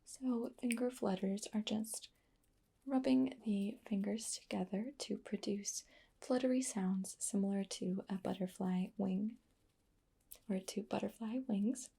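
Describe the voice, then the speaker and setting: A woman whispering softly through an ASMR roleplay, pausing often with fillers as she explains each trigger. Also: medium pitch, steady tone, creaky, breathy edge. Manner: soft whispering with frequent fillers. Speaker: ASMR artist.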